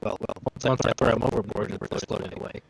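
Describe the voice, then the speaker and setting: Man player, rapid, gravelly voice, stammers, faint clicks behind. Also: fairly low pitch, slight background noise, rough recording. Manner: stammering, excited. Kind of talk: casual game chat.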